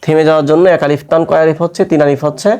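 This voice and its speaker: A man leads a step-by-step Quran recitation lesson, his voice sitting a little high for a man. He spells out each letter and vowel mark, then chants the joined word in a slow, drawn-out recitation tone. He often asks his listeners a question and answers it himself. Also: flat delivery, warm tone, smooth.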